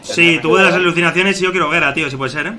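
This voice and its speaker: A man giving excited, shouty team callouts while playing an online game. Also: on the high side, crowd noise. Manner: rapid, shouty, exclamatory. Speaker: gaming streamer playing with friends.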